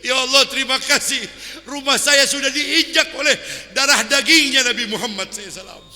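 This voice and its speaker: A man's voice: extremely high pitch, fairly even intonation, fast, pushed and bright, soft background music, voice pushed up, exaggerated voice. A male preacher voicing a poor, pious old teacher who pleads and exclaims through tears, in a sermon story. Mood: tearfully grateful. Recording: long hall reverb.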